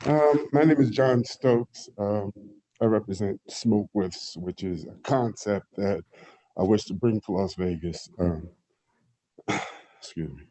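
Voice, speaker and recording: Slow-talking man, out of breath, halting public comment, dark tone. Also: fairly low pitch, low-quality recording. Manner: halting, hesitant, many fillers.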